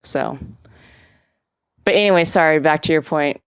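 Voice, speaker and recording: A woman's voice: deep voice, normal speed, clear, resonant tone, no room sound, clean studio sound. A woman co-hosting a podcast who chats casually and hedges a lot, full of "like" and "I think". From California. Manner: chatty, hedging, lots of "like" and "I think". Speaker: podcast co-host. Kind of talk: casual chat.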